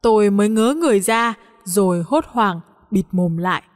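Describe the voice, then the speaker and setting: A woman narrating a story in a lively, brisk way. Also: mid-range voice. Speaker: audiobook narrator. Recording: long reverb.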